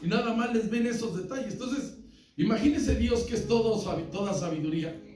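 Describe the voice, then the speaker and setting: A man's voice: high voice, a little fast, a little mellow, soft background music. A man pastor preaching a sermon, often calling listeners brother and asking the congregation questions. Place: church hall. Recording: echoey church hall, from far off.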